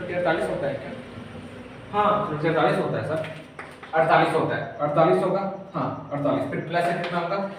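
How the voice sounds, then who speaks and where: A man's voice: high-pitched, far from the mic. Man tutoring in a very echoey room. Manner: chatty, asks and answers his own questions; calls the viewer brother, very familiar. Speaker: physics tutor. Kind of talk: informal exam-prep lesson. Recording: echoey room, faint room noise.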